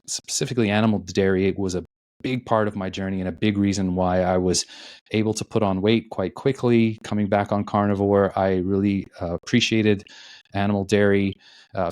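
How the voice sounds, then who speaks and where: A man's voice: sits low, darkish tone, no room sound, clean studio sound. A man speaking as a podcast guest, explaining earnestly with frequent fillers. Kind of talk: casual podcast conversation.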